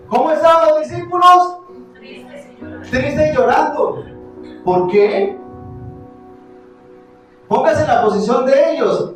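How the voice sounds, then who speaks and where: High-voiced Colombian pastor in echoey hall. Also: male voice. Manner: animated preaching with rhetorical questions and swings from loud to hushed. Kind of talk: sermon. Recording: very echoey hall, distant mic, faint music.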